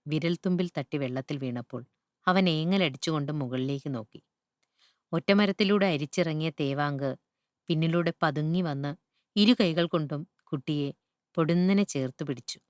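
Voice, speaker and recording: A woman narrating a literary short story in a measured, deliberate reading voice. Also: deep voice, no room sound, clean studio sound.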